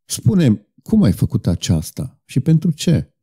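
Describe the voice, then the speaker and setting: A man voicing a solemn, patient outlaw leader who speaks calmly and persuasively in an audiobook. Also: mid-range voice, breathy edge, pitched above the performer's own voice. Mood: gentle. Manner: calm, gentle, persuasive.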